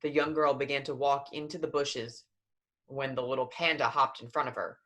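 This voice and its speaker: A woman with a somewhat low pitch and a bright, forward tone narrates a scripted storybook tale. Her delivery stays steady, at a normal speed.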